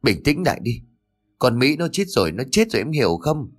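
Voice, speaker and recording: A man voicing a stern, gruff middle-aged husband who scolds curtly and hides a cruel streak. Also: mid-range voice, sing-song, a little fast, soft background music. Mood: scolding. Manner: scolding, curt.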